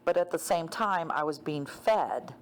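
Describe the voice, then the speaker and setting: A woman with a notably low voice talks through a dream she had, in a loose, rambling, casual way. She leans on fillers like "um" and "like" and. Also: a little slow. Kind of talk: casual spoken retelling of a dream.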